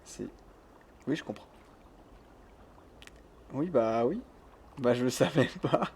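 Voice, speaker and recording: A man's voice: medium pitch, expressive, slow, gravelly, a little mellow, slight background noise. A male streamer who keeps his voice down, chatting casually as he plays a game and reads the chat, laughing often. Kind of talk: casual let's-play chat. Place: home room with thin walls.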